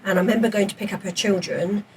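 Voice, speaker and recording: Fast-talking woman in her fifties. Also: mid-range voice, far from the mic, background noise. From England, raised in South Africa. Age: 50s. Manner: chatty, animated storyteller. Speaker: podcast guest, former police officer. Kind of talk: casual interview chat.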